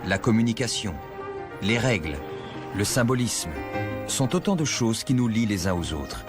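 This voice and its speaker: A man narrating a scripted nature documentary in a measured, explanatory storytelling manner. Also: fairly low pitch, big pitch swings. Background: music.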